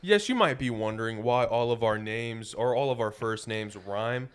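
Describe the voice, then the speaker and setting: A man's voice: medium pitch, moderate pace, clear, resonant tone. A young man hosting a casual comedy podcast, joking, laughing often and slipping into mock announcer bits. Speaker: podcast host.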